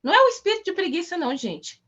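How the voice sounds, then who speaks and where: Emphatic woman teacher, high and animated, lo-fi call sound. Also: rapid-fire. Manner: emphatic, exhorting, rhetorical questions. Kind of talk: online class, preaching.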